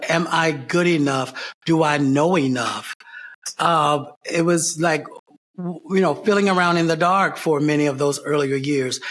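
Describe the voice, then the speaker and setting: High-voiced man telling stories, reflective. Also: a bit bright. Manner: reflective storyteller, builds up lists of repeated phrases. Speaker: theater company founder, interview guest. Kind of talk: casual interview.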